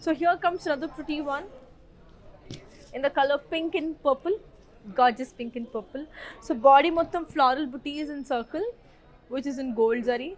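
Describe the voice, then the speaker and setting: A woman's voice: sits high, fast talker, pauses often. A young woman with a South Indian accent presenting sales items in a showroom, enthusiastic and gushing. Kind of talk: live sales presentation, switching between languages. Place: saree showroom, indoors.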